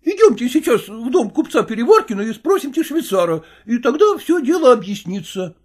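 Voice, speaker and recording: A woman's voice: fairly high pitch, sing-song, a little fast, a little mellow. A woman reading a storybook, voicing a flustered young male fiancé who pleads and defends himself. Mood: pleading.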